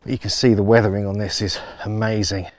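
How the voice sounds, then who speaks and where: A man's voice: fairly low pitch, little pitch movement, quick pace, no echo. A man recording handheld video as he walks through ancient temple ruins outdoors, describing the massive stones with enthusiasm. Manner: enthusiastic, marveling at size. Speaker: travel vlogger guiding viewers around ruins. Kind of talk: walking-tour commentary. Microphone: handheld camera without its stabilizer, filming himself.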